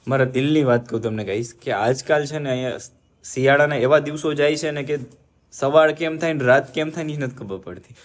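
Fast-talking young man chatting on a family vlog. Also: mid-range voice. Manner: chatty, playful and teasing, talks to viewers. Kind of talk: casual vlog chat.

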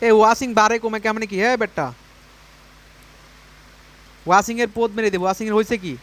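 A man's voice: high-pitched, fairly even intonation, fairly quick, a bit bright. A young man, chatting casually on a gaming livestream while reading out viewer comments and urging viewers to send coins. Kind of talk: casual live stream chat.

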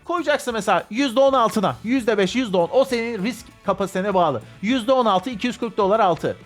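A chatty man walks through a trading chart in loose, casual commentary, repeating points and rewording as he goes. His voice sits high for a man. Soft music plays faintly underneath. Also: lively intonation, fairly quick. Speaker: crypto analysis host.

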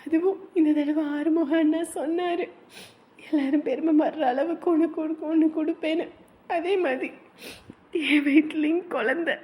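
An actress playing a pregnant young woman speaking softly and emotionally. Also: sits high, fairly even intonation, normal speed, highs cut off, lightly acted. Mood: tender. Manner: soft, emotional.

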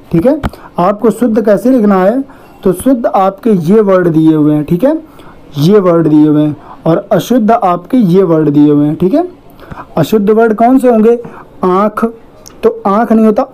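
A woman's voice: medium pitch, dark tone, poor audio. A woman teaching a Hindi shorthand lesson, going through words one by one and checking each point with the class. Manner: repeats "theek hai" after each point, patient and methodical. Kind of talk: explaining a lesson on screen.

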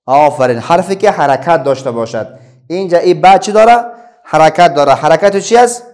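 Animated and a little mellow, this high-leaning male voice carries an Afghan Dari accent through a children's reading lesson. He asks the pupils something, supplies the answer himself, and fills the gaps with pauses and filler words.

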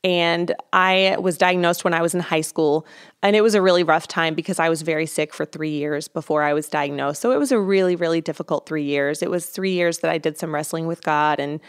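Counselor in her thirties, low and a bit gravelly, speaking candidly as a guest. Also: a little fast. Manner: candid, reflective, frequent ums. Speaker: interview guest. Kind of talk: conversational interview.

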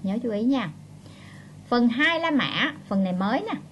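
Higher-voiced woman teacher. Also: expressive, fairly bright tone, dull audio, slight background noise. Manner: repeats key phrases, reads English instructions slowly. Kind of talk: exam review lesson.

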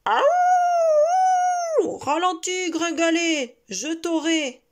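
A woman's voice: very high voice, sing-song, drawn-out words, pitched above the performer's own voice, full character voice. A woman voicing a hungry, impatient, menacing male wolf, growling and howling, in a storybook reading to a toddler. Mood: howling, boastful.

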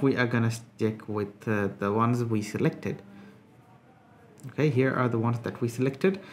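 A man giving a relaxed, conversational software tutorial, talking through each step with frequent filler words. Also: mid-range voice. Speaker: software reviewer. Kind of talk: casual screen-recorded tutorial.

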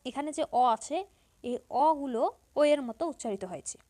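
A woman teacher explaining pronunciation to school students, repeating example words slowly and step by step. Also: high voice, lively intonation, warm tone. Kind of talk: Bengali grammar lesson for school students.

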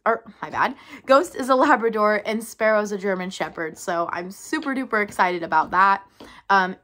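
A woman's voice: mid-range voice, a bit bright. Bubbly, giggly young woman vlogger. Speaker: service dog trainer and vlogger. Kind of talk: casual vlog chat to followers.

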